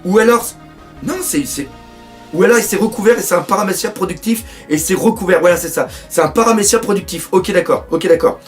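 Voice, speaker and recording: A man from France doing live reaction commentary on a manga chapter, excitable, swearing often and reading panels aloud. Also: high voice, fairly quick, faint music behind.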